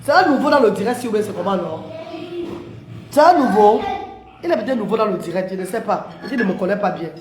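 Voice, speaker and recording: A woman's voice: medium pitch, expressive, quick pace, noisy background. A woman hosting a livestream, chatting animatedly with viewers, laughing often and calling them maman and papa. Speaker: livestream host. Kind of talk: casual live chat reading comments. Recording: echoey room.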